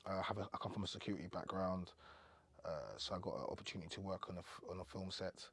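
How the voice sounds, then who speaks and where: A young man, on as a podcast guest and telling his story in loose, easygoing chat. His voice sits low, and the sound is dry and close with almost no room around it. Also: very fast, husky, no echo. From Cameroon. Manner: relaxed, rambling storytelling with many fillers. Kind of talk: casual interview chat.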